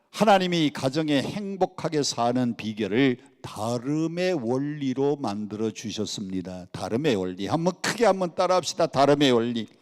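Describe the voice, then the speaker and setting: A middle-aged male pastor preaching a lively sermon and leading the congregation in call-and-response. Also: on the high side. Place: church sanctuary. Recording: long hall reverb.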